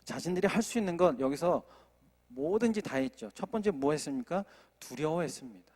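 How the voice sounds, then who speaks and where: A man's voice: on the high side, lively intonation, fairly quick, a little mellow, long reverb tail. A male associate pastor preaching a sermon at a Friday prayer service, earnest, often asking the congregation rhetorical questions. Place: church sanctuary.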